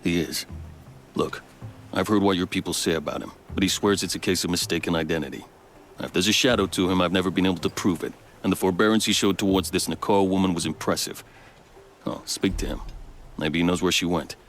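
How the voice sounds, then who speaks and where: An actor playing a proud, measured male captain and veteran soldier. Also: sits low, slight background noise. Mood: proud steady.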